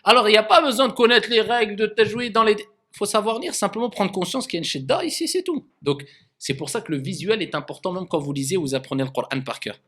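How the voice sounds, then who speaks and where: A man's voice: high voice, lively intonation, quick pace, fairly bright tone. A man teaching a classroom lesson on recitation, demonstrating letter sounds again and again and questioning his students.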